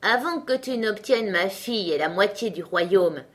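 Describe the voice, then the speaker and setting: A woman's voice: medium pitch, animated, a little slow, close to an everyday voice. Woman doing a scheming storybook king. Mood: commanding. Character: scheming deceitful old king.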